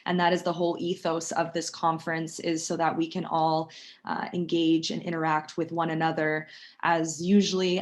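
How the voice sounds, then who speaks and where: Lower-pitched woman moderating a panel. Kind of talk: informal event moderation.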